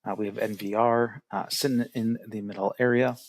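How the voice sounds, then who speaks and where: A man's voice: on the low side, fairly even intonation, a little fast. A man casting an online strategy game tournament, explaining rules with many fillers. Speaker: tournament organizer and caster. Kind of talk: casual game commentary.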